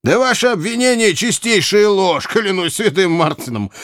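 Brief: male reader doing a hot-tempered scarred archer, shouting in a dry close recording. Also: high-pitched, very animated, a little slow, gravelly, dry recording, pitched above the performer's own voice, exaggerated voice. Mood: indignant. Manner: shouting, indignant. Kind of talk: audiobook character reading.

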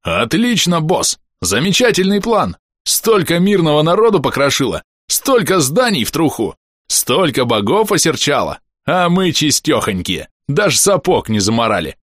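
A man's voice: a little high, very animated, moderate pace, no echo, studio quality, voice pushed up. Man doing a brash cheery fanged clan buddy. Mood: gleeful. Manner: loud, gleeful, mocking.

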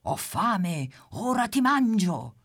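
Woman doing a big greedy caveman cat, hungry and loud, bit husky. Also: rumbling low, a little slow, full character voice. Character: big hungry prehistoric tomcat, gruff then curious. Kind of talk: storybook character voice.

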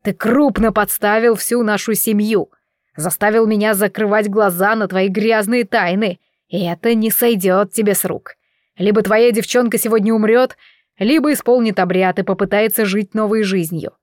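A woman's voice: medium pitch, steady tone, normal speed, a little mellow, no echo, studio quality, lightly acted. A woman reading the part of a stern, domineering elder man with a cold, commanding manner. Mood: furious.

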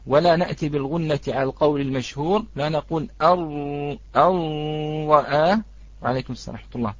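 A man teaching a live online recitation lesson. He greets the students in the chat and draws out each example word slowly. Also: medium pitch, darkish tone, breathy edge, no echo, lo-fi sound.

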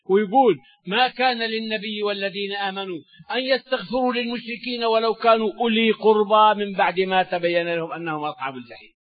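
Older man, sermon commentary, high-pitched, lo-fi recording. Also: dry recording. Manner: colloquial storytelling mixed with recited verses, stammering restarts. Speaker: Islamic scholar giving a Quran commentary lesson. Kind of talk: sermon-style Quran commentary. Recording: dull lo-fi dry recording.

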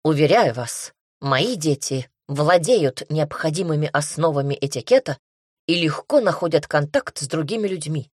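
A woman plays an arrogant aristocratic lord in a storybook, curt and stiffly formal. The voice sits a little low and is recorded dry and close. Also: expressive, normal speed, a little mellow, dry recording. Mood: indignant. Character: haughty aristocratic lord, single father.

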